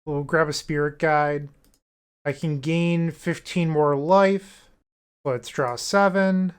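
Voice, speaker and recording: A man's voice: on the high side, steady tone, slow, clean tone. Man, casual gameplay commentary, thinking aloud, upbeat, wry.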